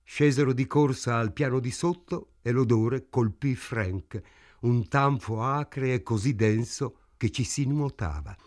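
Slow, measured male audiobook narrator. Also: medium pitch.

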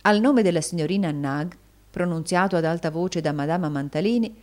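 A woman narrating a classic novel in a measured audiobook reading. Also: fairly low pitch, a little mellow.

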